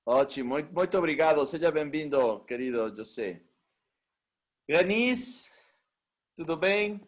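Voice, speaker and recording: Slow-speaking male workshop host. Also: a little high, expressive. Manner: warm greetings, unhurried. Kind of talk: welcoming participants on a video call. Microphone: video call.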